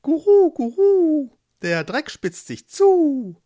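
A storyteller voicing a flock of excited, gossiping doves with shrill cooing calls for a children's storybook. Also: slow pace, exaggerated voice.

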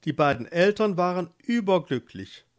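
A narrator reading a fairy tale aloud with measured expression. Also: medium pitch, expressive. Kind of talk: storybook reading.

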